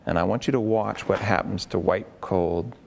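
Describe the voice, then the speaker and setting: A man working as a therapist in a live demonstration before a group, coaching a client with quick probing questions and repeated words. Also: deep voice, gravelly. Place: room with an onlooking group.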